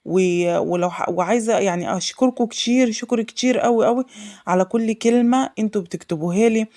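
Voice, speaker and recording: An Egyptian woman with a sore throat talks quickly in a mellow, darkish voice. She chats effusively at home for her vlog. She keeps repeating her thanks and oaths. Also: mid-range voice. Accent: Egyptian Arabic. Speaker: homemaker vlogger. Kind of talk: casual home vlog chat.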